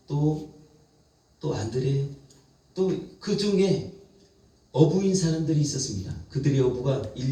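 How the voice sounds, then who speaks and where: A man's voice: medium pitch, dark tone, roomy sound, far from the mic, poor audio. A male pastor preaching a Sunday sermon, retelling a story vividly and repeating phrases for emphasis. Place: church sanctuary.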